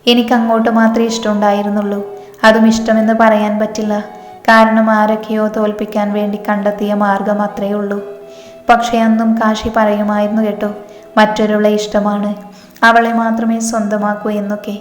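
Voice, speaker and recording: A woman voicing a remorseful young woman held captive, speaking softly and apologetically. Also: medium pitch, completely flat delivery, moderate pace, natural voice. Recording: echoey reverb with background music.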